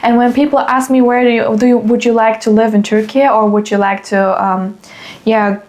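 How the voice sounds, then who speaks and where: Young female podcast host, rambling solo chat, slightly high voice. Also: flat delivery, normal speed, a little mellow. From Germany. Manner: rambling, many fillers and restarts. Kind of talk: casual solo podcast monologue.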